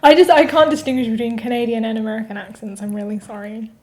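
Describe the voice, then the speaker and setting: A woman's voice: on the high side, steady tone, fast talker, darkish tone. A young woman from East London with a London accent, well-spoken and giggly, chatting as podcast co-host. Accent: London English. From East London, England. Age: young adult. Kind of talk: casual chat.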